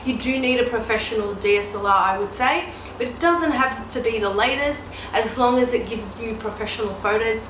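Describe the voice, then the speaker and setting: In this casual vlog, a thirty-something newborn photographer who also teaches fields viewer questions, her chatty answers full of ums and you-knows. She speaks a little high and a little fast, barely pausing. Steady noise hums in the echoey room.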